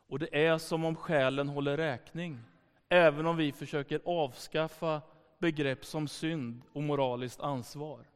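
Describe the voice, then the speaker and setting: Middle-aged male pastor, high smooth voice, storytelling sermon in a reverberant hall.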